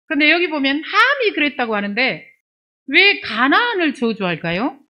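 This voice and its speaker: A woman pastor preaching an expository sermon. She reads scripture aloud in a raised, emphatic voice, then explains it in a lower conversational tone full of rhetorical questions. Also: sing-song, moderate pace, highs cut off.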